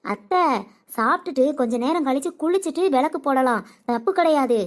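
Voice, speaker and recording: A woman's voice: high-pitched, brisk, close to an everyday voice. A woman voicing a cheeky, teasing young wife who talks back to her mother-in-law in a cartoon. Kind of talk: cartoon comedy voice acting.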